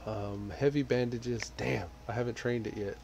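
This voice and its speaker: A man with a medium-pitched, creaky voice speaks at a moderate pace over a faint hiss or hum. He's a Texas gaming streamer giving relaxed, casual commentary on his game and reading chat aloud as he plays.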